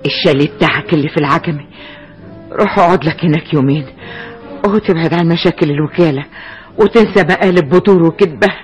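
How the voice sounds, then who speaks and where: A woman's voice: low-pitched, fast, highs cut off, faint music behind, close to an everyday voice. An actress playing a caring older sister who coaxes and encourages her brother in a tender way, with an Egyptian accent, as in a 1960s Egyptian radio drama. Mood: coaxing.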